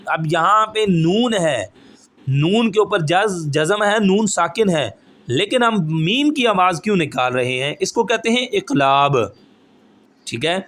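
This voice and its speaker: Patient male tajweed teacher, slightly high. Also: expressive, fairly bright tone. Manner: explains rules patiently, then recites phrases slowly and drawn out; checks in with the listener often. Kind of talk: step-by-step recitation lesson.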